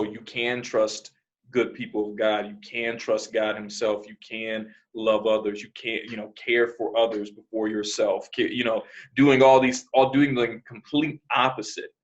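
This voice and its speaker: A man from New Jersey, raised in Arizona, talks as a podcast guest. His voice sits a little low and wanders through his thoughts with plenty of "you know" fillers. The recording is dull and muffled. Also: a little slow. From born in New Jersey, raised in Arizona. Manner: relaxed, rambling, with many "you know" fillers. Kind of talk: casual interview.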